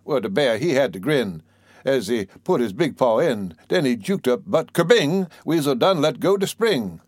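A man voicing an old storyteller, fond and scolding, dry close sound, middle pitch. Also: sing-song, normal speed, darkish tone, slightly rough, dry recording. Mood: folksy. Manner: fond, scolding, folksy drawl. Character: old storyteller coaxing a fussy child. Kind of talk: dialect poem recitation.

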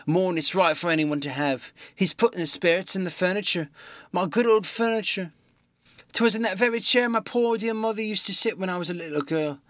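A man reading aloud voices a superstitious middle-aged country landlady, shrill and agitated in rustic speech. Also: a bit bright, no echo, studio quality.

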